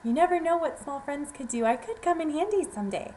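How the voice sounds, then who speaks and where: A woman's voice: expressive, a little slow, darkish tone, a little hiss or hum, rough recording. A woman voicing a tiny, frightened female mouse who pleads and speaks earnestly in a storytelling performance. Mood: pleading. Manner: high, pleading and eager.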